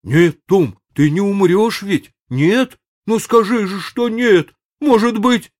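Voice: mid-range voice, very animated, takes it slowly, darkish tone, breathy edge, pitched above the performer's own voice, exaggerated voice. A reader voicing a scared young boy who urgently begs his sick brother to answer him. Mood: alarmed. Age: child. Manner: urgent, worried, pleading.

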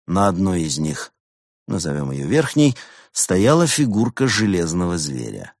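A man narrating an audiobook in an expressive storytelling manner. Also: low-pitched, unhurried, no echo, clean studio sound.

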